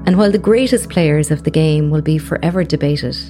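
A woman giving measured, reflective scripted narration for a podcast. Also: deep voice, warm tone, faint music behind.

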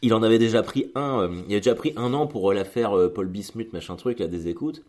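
Deep-voiced chatty man telling a story. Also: a little fast, a little mellow. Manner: chatty, rambling, with many fillers and restarts, acts out dialogue. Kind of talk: casual storytelling monologue.

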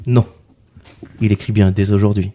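A man's voice: lowish voice, little pitch movement, normal speed, mellow. A man hosting a casual podcast, introducing guests with playful puns and wordplay. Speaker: podcast host. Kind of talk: casual chat.

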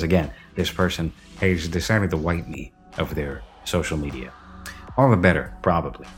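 A man hosting a podcast, rambling and opinionated in casual film review chat, recorded with reverb in an empty basement. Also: deep voice. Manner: rambling, opinionated, self-correcting. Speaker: podcast host.

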